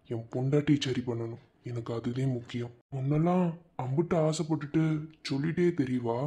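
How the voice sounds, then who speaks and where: A man voicing a steady, loving young army husband in a cartoon, speaking in Madurai Tamil with a gentle, coaxing manner. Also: medium pitch, husky, natural voice. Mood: resolved. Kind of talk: cartoon voice acting.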